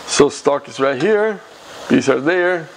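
A man in his fifties with an Italian accent talks through a recipe in a casual way. His voice sits a little high and crackles with fry. He speaks in short, repeated phrases, and the kitchen recording has clear background noise. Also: lively intonation, slow pace. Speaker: cooking show host. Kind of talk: casual cooking demonstration. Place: home kitchen, indoors.

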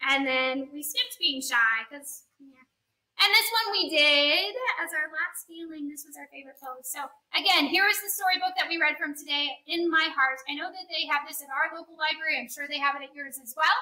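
A woman with a very high, bright voice speaks in the manner of a kindergarten teacher. She gives small children simple, encouraging instructions. The sound is roomy, picked up from a few steps away. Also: fairly quick. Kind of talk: kindergarten teacher talk, guiding young children through story yoga. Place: indoor yoga studio room. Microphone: camera mic a few metres away. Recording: roomy, distant camera microphone.

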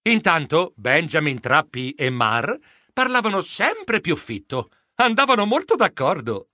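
A man narrating a children's audiobook in first person, with expressive storytelling. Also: on the high side, measured pace, no room sound, clean studio sound.

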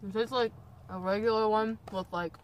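A woman's voice: mid-range voice, fairly even intonation, moderate pace, a little hiss or hum. A young woman chatting casually and rating snacks while chewing, outdoors on a playground. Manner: chatty, gives blunt food ratings. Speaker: vlogger tasting foods. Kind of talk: casual taste-test chat.

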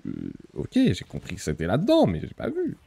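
A man's voice: medium pitch, wildly swooping pitch, fairly quick, creaky, warm tone, slightly rough. A young man chatting casually on a live stream, reading the chat aloud, laughing often and using many fillers.

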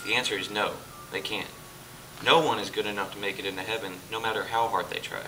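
A man plays Jesus in an amateur church stage play, explaining earnestly and patiently to his dinner guest on an indoor church hall stage. His lowish voice is steady and sharp, and he talks fast. A far-off camera records him with music behind.

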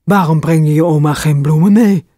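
A woman's voice: a little fast, dark tone, no room sound, clean studio sound. A woman doing the sly big bad wolf. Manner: gruff and coaxing, then a squeaky fake granny voice. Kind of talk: storybook reading.

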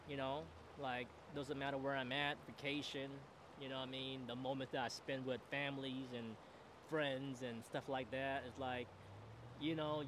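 Seated outdoors in a camp chair planted in a river, a forties-aged podcast host delivers a casual solo monologue into a stand-mounted boom mic. His medium-pitched voice wanders in a reflective way, repeating "you know what I mean" again and again, with plenty of noise behind him.

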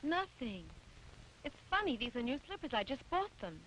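A dazed, bewildered mother who cannot remember the night. Her soft voice rises and falls a lot, with faint hiss behind it. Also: high voice, sing-song, normal speed, low-quality recording. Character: confused hypnotized mother. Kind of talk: 1950s dubbed film dialogue.

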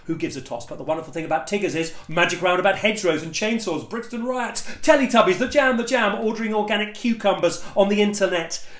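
Recorded indoors in a small living room on a camera or phone set a short way off, an English-accented performance poet in his fifties gives a theatrical, emphatic reading of spoken-word poetry, pausing deliberately. His voice is a little high, and the room adds an echo.

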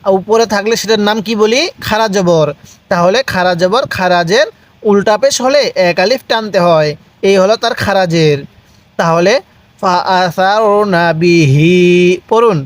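A man teaching Quran recitation step by step, spelling out letters and vowel marks, then reciting slowly and asking viewers to repeat after him. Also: high-pitched, no room sound. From Bangladesh. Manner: asks viewers questions, then answers them himself.

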